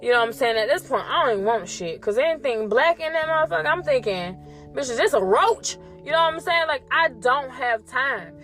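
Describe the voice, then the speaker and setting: Brief: young woman podcaster, higher voice, animated and profane storyteller, faint music behind. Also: a little fast, hardly any pauses. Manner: profane, animated, talks straight to listeners. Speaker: podcast host. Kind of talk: casual storytelling.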